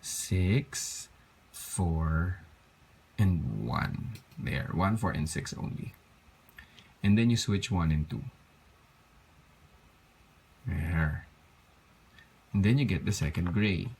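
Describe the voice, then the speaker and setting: A man's voice: low voice, lively intonation, very slow, vocal fry, pauses often, darkish tone, breathy edge. A tired man teaching a bracelet-making tutorial step by step, counting loops aloud and apologizing for his slips. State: tired, yawning. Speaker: craft tutorial host.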